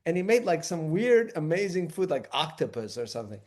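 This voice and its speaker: A man's voice: fairly high pitch, very animated, fairly quick. A man from New York as a podcast guest, chatting casually and telling anecdotes.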